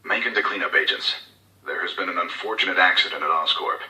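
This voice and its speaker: For a game audio log, an actor voices a cold, scheming corporate executive who gives covert orders in formal, clipped, authoritative speech. His voice is low-pitched, quick, pushed and bright, with a discreet, chilly mood. The low-quality recording sounds echoey and distant.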